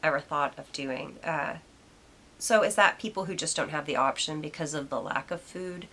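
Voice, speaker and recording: A low-pitched woman with a gravelly, creaky edge and a bright, sharp tone. She muses aloud in a casual solo podcast, rambling and reflective. She pauses with frequent ums and turns aside now and then to talk to her cat. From United States. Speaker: podcast host.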